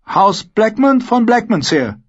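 A man's voice: high-pitched, sing-song, breathy edge, voice pushed up, heavily acted. A man voicing a nervous, eager young male squire who talks shyly and hurriedly, in a storybook reading. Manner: shy and hurried, gaining confidence. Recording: dull lo-fi audiobook recording.

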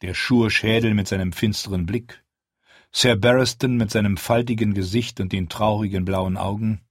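A man narrating an audiobook in a measured storytelling voice. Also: fairly low pitch, fairly even intonation, no echo, clean studio sound. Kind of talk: scripted narration.

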